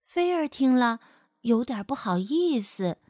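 A woman telling a storybook tale to small children in a gentle, coaxing way. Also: on the high side, big pitch swings, unhurried, dry recording, studio quality.

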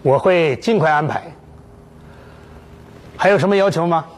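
An actor playing a cool official captor in a period TV drama, measured and politely threatening. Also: male voice, on the high side, a little hiss or hum, close to an everyday voice. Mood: businesslike.

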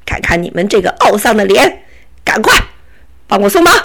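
A woman's voice: mid-range voice, sing-song, moderate pace, gravelly. A woman voicing a scornful, gloating bandit man who stammers and mocks his captors, read as a children's story. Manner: mocking, stammering, bursts of laughter.

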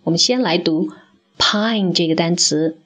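A woman teaching English pronunciation in a scripted phonics lesson, speaking slowly and carefully and demonstrating sounds for the listener to repeat. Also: lowish voice, a bit bright.

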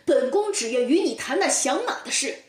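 A man's voice: extremely high pitch, very animated, normal speed. An arrogant, blustering young nobleman, as a woman storyteller puts him on, haughty in a children's storybook telling. The voice swings up and down a lot and sounds echoey and distant.

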